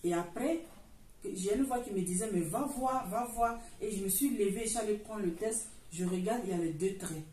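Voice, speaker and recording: In an echoing church hall, well away from the mic and over faint noise, a middle-aged African church member delivers her testimony. Her mellow, dark, mid-range voice moves briskly as she earnestly repeats herself and keeps restarting her sentences.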